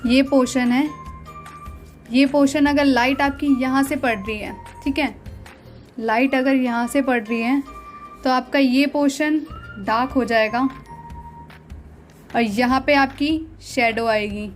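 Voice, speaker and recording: A high-pitched woman narrates a drawing lesson. She guides the viewer step by step, often pausing to point things out. Soft music plays faintly behind her voice. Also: fairly even intonation. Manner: explains step by step with repeated "dekhiye" and "theek hai". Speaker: art teacher.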